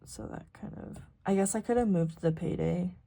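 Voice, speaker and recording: A lowish, gravelly, mellow female voice moves at a moderate pace. The speaker, a young planner vlogger from rural South Dakota, rambles informally while working on her planner, teasing herself and sometimes murmuring quietly.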